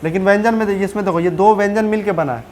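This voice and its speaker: A woman's voice: medium pitch, racing, darkish tone, slight background noise. Woman teacher quizzing a class. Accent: Bihari Hindi. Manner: asks questions and checks understanding often. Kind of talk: classroom grammar lesson.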